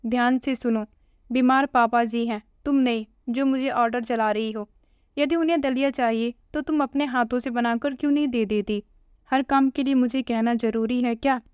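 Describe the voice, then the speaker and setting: A woman's voice: fairly high pitch, steady tone, moderate pace, clean tone, no room sound, lo-fi sound, lightly acted. A woman voicing a scornful young daughter-in-law. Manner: scornful, cutting retorts. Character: sharp-tongued young daughter-in-law, contemptuous.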